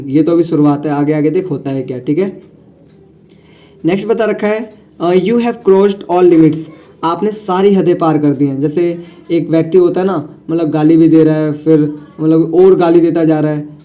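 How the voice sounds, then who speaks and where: A man's voice: on the high side, warm tone. A young man teaching English phrases to learners, explaining casually and repeating each phrase with frequent check-ins. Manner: repeats phrases and says "thik hai" often.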